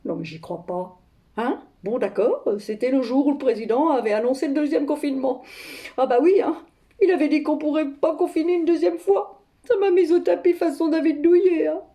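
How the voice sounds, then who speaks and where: An exasperated older grandmother, played by a woman, rants down the phone with dramatic flair, tagging nearly every phrase with a questioning "hein". Her voice sits high but sounds mellow and dark in tone, with a gravelly, creaky edge. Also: brisk. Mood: indignant. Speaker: comic monologue performer. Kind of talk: one-sided phone call sketch.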